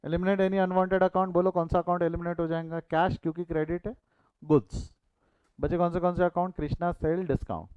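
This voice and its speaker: A man gives an animated accountancy lesson, his voice sitting a little high. He keeps repeating phrases and asking the class questions. The sound is dry and a bit dull, like a lo-fi recording. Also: brisk, smooth, no room sound. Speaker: accountancy teacher. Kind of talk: lively classroom lecture with storytelling.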